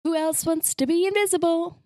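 A woman's voice: extremely high pitch, steady tone, fairly quick, mellow, no echo, clean studio sound. A woman playing a tabletop game, bantering playfully with the others. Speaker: player. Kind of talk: casual tabletop play.

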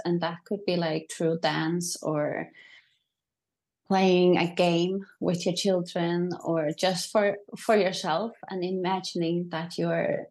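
A woman's voice: fairly low pitch, darkish tone. A woman guest on a podcast, talking shyly and hesitantly with many fillers. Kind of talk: casual podcast chat.

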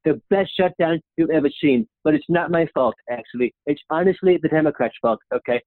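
A man's voice: a little fast, no room sound, lightly acted. A young man impersonating a boastful male president who rambles, praises himself and keeps ending lines with "okay?". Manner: rambling, repeats "okay?" with a dropping pitch. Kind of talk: comedic impression sketch. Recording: tinny phone-like sound.

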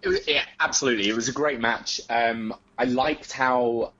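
A man's voice: mid-range voice, normal speed, pushed and bright, dull audio. A man co-hosting a wrestling podcast, chatting casually and a little hesitantly as an opinionated fan. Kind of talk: casual chat.

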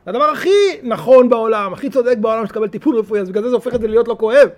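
Middle-aged male rabbi, very high voice, animated sermon delivery with pleading peaks. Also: dull audio. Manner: animated, rising to pleading cries then dropping to soft asides. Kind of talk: weekly Torah talk.

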